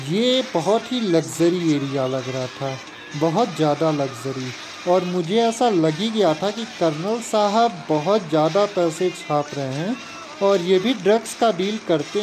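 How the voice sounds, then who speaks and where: A man's voice: high voice, rough recording. A man casually narrating a game story as a chatty, slangy storyteller. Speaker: gameplay narrator. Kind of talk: storytelling over game footage.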